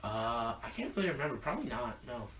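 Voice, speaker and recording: A man's voice: mid-range voice, very animated, quick pace, fairly bright tone, far from the mic, a little hiss or hum. Young man, casual podcast storyteller, rambling with fillers, roomy echo, set back from mic. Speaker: podcast co-host. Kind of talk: casual chat.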